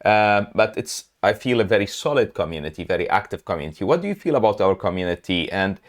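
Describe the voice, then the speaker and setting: A man from Lebanon hosts a relaxed interview in a fairly low voice. He talks haltingly, with many fillers, and laughs now and then. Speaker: host. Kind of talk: casual interview chat.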